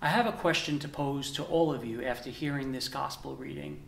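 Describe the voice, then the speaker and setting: A young man, a deacon and seminarian, reading the gospel and preaching in a measured, earnest way with emphatic pauses. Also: mid-range voice, vocal fry, a bit bright. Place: indoor chapel with a stone wall. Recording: echoey chapel room.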